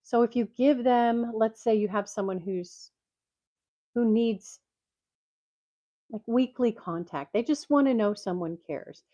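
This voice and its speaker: A woman's voice: on the high side, a little slow, long pauses, warm tone, no room sound. An older woman chatting at home through a microphone on her glasses, congested and sounding tinny like a tin can, rambling and laughing often. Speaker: vlogger reading jokes. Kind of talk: casual chat. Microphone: microphone clipped to her glasses. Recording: dull lo-fi tinny recording, dry.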